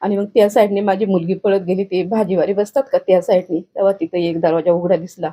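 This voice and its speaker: A woman's voice: lowish voice, fairly even intonation, fast, mellow, breathy edge. A middle-aged woman, giving a grieving, urgent account in a news interview. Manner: grieving, urgent, recounting in detail. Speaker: bereaved grandmother interviewed.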